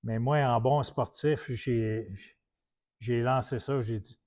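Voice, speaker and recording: A man's voice: mid-range voice, fairly even intonation, slow, darkish tone. A man from Quebec with a Québécois French accent, preaching in a colloquial, anecdotal style full of restarts. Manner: colloquial storytelling with many restarts. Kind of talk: anecdotal teaching talk.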